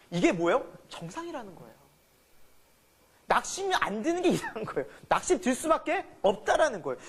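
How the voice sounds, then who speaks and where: A male pastor preaching a sermon, asking the congregation questions and answering them himself. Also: extremely high pitch.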